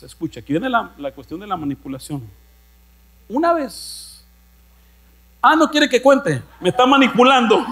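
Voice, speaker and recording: Northern Mexican male pastor, high voice, humorous storyteller, light mains hum. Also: a bit bright. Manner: storytelling preacher, jokey, addresses listeners as brother. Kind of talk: sermon.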